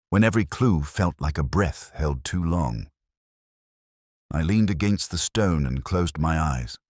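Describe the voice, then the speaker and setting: A man playing a weary, introspective police inspector, narrating his case in a measured, solemn, contemplative literary style. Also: very deep voice, no echo, clean studio sound, heavily acted. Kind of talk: slow literary first-person scripted narration.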